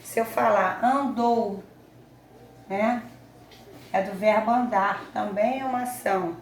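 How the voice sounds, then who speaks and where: A woman teaching young children a Portuguese lesson with a Brazilian accent, speaking slowly and affectionately, often checking in with little tags. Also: medium pitch, roomy sound, slight background noise. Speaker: primary school teacher.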